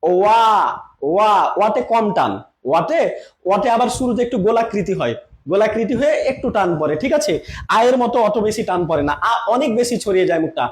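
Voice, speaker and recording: A man teaching an online grammar lesson, who repeats sounds slowly and keeps asking the viewer questions. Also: high voice, animated. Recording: echoey room.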